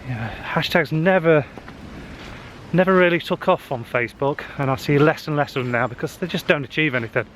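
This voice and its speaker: Here the vlogger's voice is a little high, a bit bright and slightly fast. He's a man who does social media marketing, chatting loosely to a handheld camera on a wooded hill path, a touch breathless and filling gaps with fillers, while faint outdoor sounds linger.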